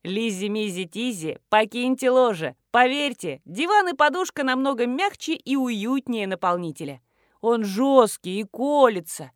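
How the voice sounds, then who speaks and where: A courteous, pedantic professor from an audiobook, as a woman narrator puts him on. He speaks delicately and in a bookish way, dry and close, with a lively melody. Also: a little high, a little slow, no room sound. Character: polite pedantic male professor, the narrator's husband.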